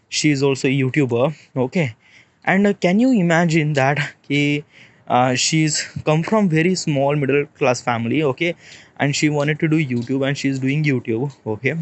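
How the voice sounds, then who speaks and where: Rambling young man, Indian English accent. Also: a little high. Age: 20s. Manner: rambling, halting, frequent "okay?" tags. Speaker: vlogger. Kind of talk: casual reflective monologue.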